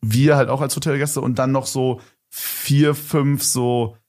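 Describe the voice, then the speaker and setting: A young man, a podcast host, spinning a story in a loose, rambling way, stuffed with slang and fillers. His voice sits at an ordinary pitch. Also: fairly even intonation, a little slow, darkish tone. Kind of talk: casual storytelling chat.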